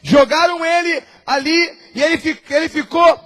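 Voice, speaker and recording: A man preaching a sermon in a Brazilian Portuguese accent, switching between quiet asides and shouted, acted-out quotes. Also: very high-pitched, moderate pace. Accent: Brazilian Portuguese, Rio de Janeiro area. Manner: impassioned preacher, acts out quoted voices and shouts. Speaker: apostle preaching.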